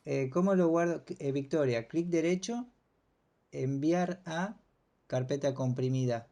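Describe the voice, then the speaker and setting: A man's voice: a little high, unhurried. A man teaching a casual online class over a video call, hesitant and full of fillers. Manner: relaxed, hesitant, many fillers.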